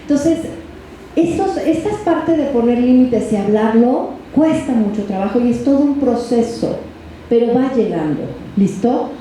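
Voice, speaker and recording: A woman's voice: a little high, animated, unhurried, warm tone. A middle-aged woman with a Mexican accent giving a workshop lecture to parents, chatty and checking in with tag questions. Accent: Mexican Spanish. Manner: conversational, ends phrases with tag questions to the audience. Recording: echoey room with faint background noise.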